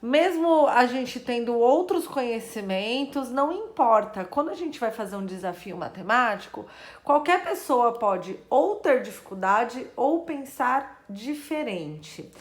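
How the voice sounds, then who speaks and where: A woman's voice: a little high, lively intonation, unhurried. A woman teacher talking casually to her students, thinking aloud and counting syllables and letters as she works through math puzzles. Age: adult. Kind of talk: casual video lesson explaining math puzzles.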